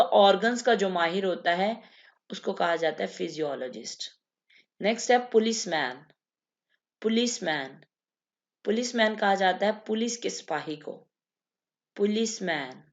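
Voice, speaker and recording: A woman teaching English vocabulary, repeating each word and explaining it slowly. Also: medium pitch, highs cut off. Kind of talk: vocabulary lesson.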